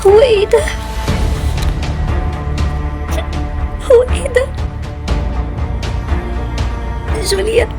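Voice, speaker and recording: Teen girl doing a high, emotional young bride-to-be. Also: brisk, music in the background. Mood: distraught. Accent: Egyptian Arabic. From Tunisia. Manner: high-pitched, emotional, insistent. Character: young woman, anxious betrayed bride-to-be. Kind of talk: amateur animated-app drama voicing.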